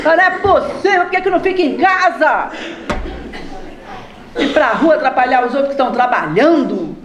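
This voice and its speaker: A Brazilian woman acting out an exasperated, rude person rushing down the street. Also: sits high, lightly acted. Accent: Brazilian Portuguese. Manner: exasperated, complaining. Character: impatient rude passer-by in the street. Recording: roomy hall with faint ambience.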